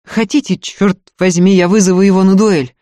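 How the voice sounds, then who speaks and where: An impulsive young man, a student, gallant and earnest, quick to flare up and quick to apologise, as a reader puts him on. Read close and dry, in the even register of a storyteller. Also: mid-range voice, dry recording, voice pushed up, close to an everyday voice. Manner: earnest, ardent, stammering apologies. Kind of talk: audiobook character voice.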